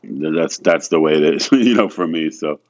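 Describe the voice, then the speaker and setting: Extremely low in pitch yet animated, this man talks at normal speed on dull-sounding audio. The French photographer is an interview guest speaking casually and softly, hesitating, restarting often and peppering in "you know."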